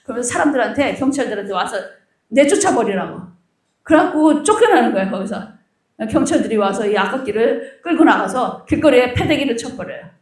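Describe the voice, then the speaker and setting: A middle-aged woman pastor preaching, telling a story in an animated way and acting out the people in it. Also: a little high, fast talker. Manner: animated storyteller, acts out quoted dialogue. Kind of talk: storytelling sermon. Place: church hall. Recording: roomy echo, voice from a distance.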